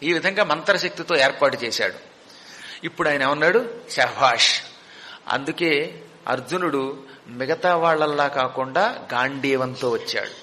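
Bright high-voiced man in an echoing hall. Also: moderate pace. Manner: dramatic, rhetorical questions, chants verses. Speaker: religious discourse speaker. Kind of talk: storytelling religious discourse. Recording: long reverberant hall.

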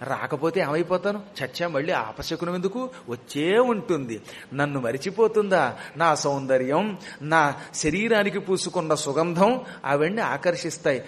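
A male storyteller voicing a vain, lustful male commander who woos and boasts in a slow drawn-out way. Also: a little high, expressive, pitched below the performer's own voice, close to an everyday voice. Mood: pining. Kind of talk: storyteller acting a character.

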